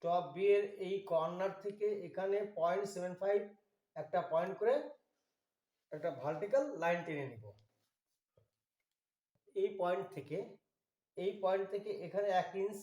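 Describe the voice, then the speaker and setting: A man giving a slow, methodical drawing tutorial, walking through each step. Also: high voice, darkish tone, reverberant. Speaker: drawing instructor.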